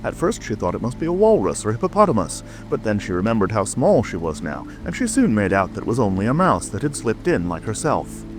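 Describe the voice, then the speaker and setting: A man's voice: fairly low pitch, sing-song, fairly quick, few pauses. A man narrating a scripted storybook as a dramatic audiobook reading. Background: music, rain ambience.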